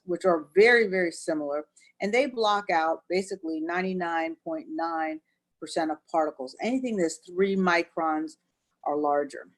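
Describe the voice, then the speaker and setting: A woman doctor giving an educational webinar talk, explaining step by step and often saying "actually". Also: lowish voice.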